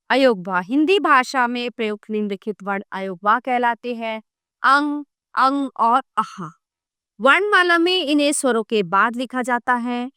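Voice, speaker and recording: A woman's voice: a little high, a bit bright, clean tone, no echo, clean studio sound. A woman teaching a grammar lesson from an ebook, reading out definitions and listing letters one at a time, with brief asides to her students.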